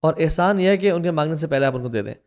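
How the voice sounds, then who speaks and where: A man hosting a casual religious discussion, telling stories animatedly and mixing English phrases into his talk. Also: a little high. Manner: animated storyteller, mixes English into Urdu. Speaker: host.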